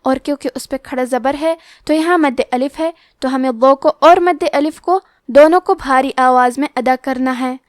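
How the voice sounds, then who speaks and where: A woman's voice: high-pitched, dry recording, clean studio sound. A woman teaching Quran recitation rules, explaining carefully and stretching out sample words. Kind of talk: tajweed lesson.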